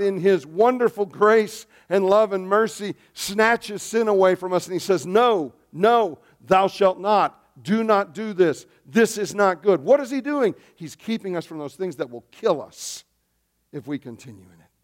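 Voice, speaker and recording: A man preaching a sermon as pastor, swinging between loud emphasis and quiet asides. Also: sits high.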